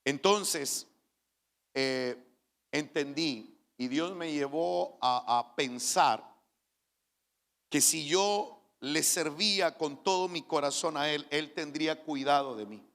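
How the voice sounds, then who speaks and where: A man's voice: fairly high pitch, takes it slowly, fairly bright tone. A man, a pastor giving an earnest personal testimony in a sermon, often restarting his phrases. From Chile. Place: church. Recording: reverberant church hall.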